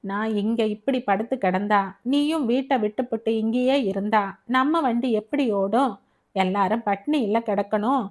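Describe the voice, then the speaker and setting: A woman's voice: a little high, moderate pace, darkish tone, close to an everyday voice. A woman doing a frightened sick young man. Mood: worried. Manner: anxious, weak, complaining.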